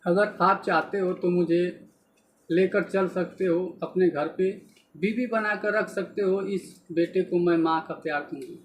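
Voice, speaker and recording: A man voicing a grieving, firm woman teacher in a spoken folk story, in a high, slow voice. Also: fairly even intonation, rough recording. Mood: sorrowful, earnest. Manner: pleading, tearful storytelling voice.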